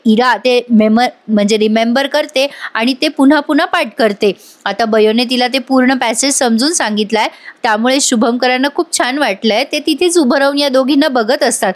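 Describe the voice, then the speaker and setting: A woman's voice: fairly high pitch, normal speed. A woman narrating a voice-over recap of a TV serial episode, with chatty asides.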